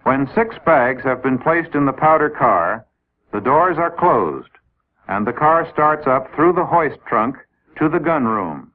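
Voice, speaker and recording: An American man narrates a 1950s military training film, speaking directly to trainees in a methodical, explanatory way. His medium-pitched voice has lively intonation and a slightly slow pace. The sound is an old 1950s film soundtrack, tinny and narrow-band.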